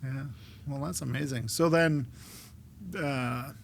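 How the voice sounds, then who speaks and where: A man hosting an interview podcast, chatty and quick with interjections. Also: medium pitch, fairly even intonation, gravelly, slight background noise. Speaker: podcast host. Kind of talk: casual interview chat.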